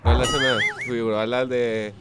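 Slangy young Mexican podcast host. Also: male voice, medium pitch, little pitch movement, moderate pace, fairly bright tone, slight background noise. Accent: Mexican Spanish. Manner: laughs along, slangy retorts. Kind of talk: casual comedic banter.

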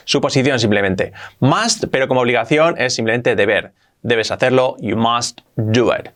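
Lively man from Spain teaching English. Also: moderate pace. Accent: Spanish from Spain. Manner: lively, repeats words for drilling, pitch jumps up for emphasis. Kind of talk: explaining grammar to camera.

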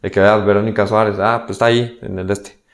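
A man's voice: on the low side, flat delivery, fast talker. A young man with a Mexican accent telling a personal story in a candid, slangy way, acting out the dialogue he quotes. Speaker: guest.

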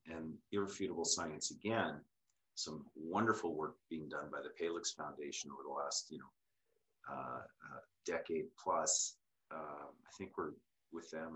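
A man's voice: extremely low pitch, a bit bright, low-quality recording. A middle-aged man, a guest on a podcast interview, explaining earnestly with many fillers and restarts. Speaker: guest, recovery center leader.

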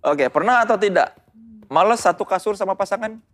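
Man, host, casual chat, high voice, rapid talk, joking questions. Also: expressive, fairly bright tone, a little hiss or hum.

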